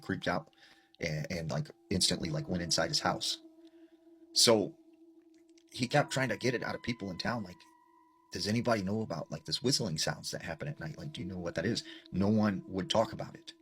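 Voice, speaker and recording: A man casually retelling a scary story, rambling with filler words and dropping quiet at the tense parts. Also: deep voice.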